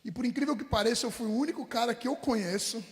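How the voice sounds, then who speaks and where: High-voiced São man, slangy testimony. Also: quick pace, big-room sound. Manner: street slang, acts out past dialogues, chokes up at times. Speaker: rapper guest telling his testimony. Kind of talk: emotional personal testimony in an interview.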